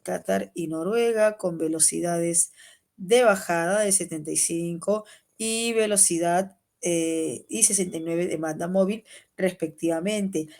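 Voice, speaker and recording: A woman with a Peruvian Spanish accent teaching an online exam-prep class, quizzing students by name in a lively way. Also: on the low side, measured pace, creaky. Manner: lively, calls students by name, asks and answers questions.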